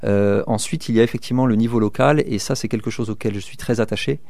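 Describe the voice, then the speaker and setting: A man's voice: lowish voice, fairly even intonation, quick pace, creaky, darkish tone, dry recording. A man in his thirties from northern France, a local election candidate answering interview questions hesitantly, with many fillers and restarts. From southern Manche, France. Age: 30s.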